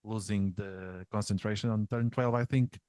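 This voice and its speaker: A man on a racing review panel, speaking haltingly in casual chat with frequent uhs and ums. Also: lowish voice, fairly even intonation, darkish tone, no echo. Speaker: panel pundit.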